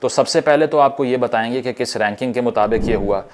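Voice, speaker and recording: A man from Pakistan giving formal political commentary, measured, with English phrases woven in. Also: medium pitch, a little hiss or hum.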